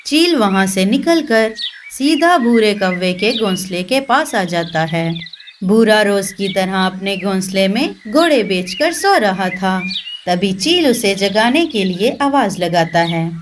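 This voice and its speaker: A woman's voice: mid-range voice, animated, slow, slight background noise. A woman narrator reading a scripted cartoon story. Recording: constant birdsong and clicks behind voice. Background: birdsong.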